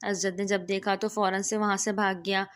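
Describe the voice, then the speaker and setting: A woman storyteller giving a scripted, steady narration of a romance novel. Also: medium pitch.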